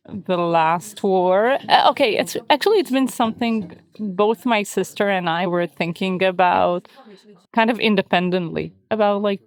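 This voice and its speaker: A woman in her thirties with an Israeli accent, speaking English as a second language in a casual interview, often pausing on "like" and other fillers. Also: lowish voice, clear, resonant tone. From Israel, born in Russia. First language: Hebrew. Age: 30s. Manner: hesitant, many "like" fillers. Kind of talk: casual conversation. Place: hotel bomb shelter.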